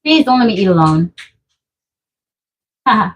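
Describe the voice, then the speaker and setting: A Trinidadian woman with a Trinidadian accent hosts a live stream from home as a vlogger, chatting casually and reading viewer comments aloud in a playful way. She laughs often and speaks slowly in a mid-range voice with big pitch swings.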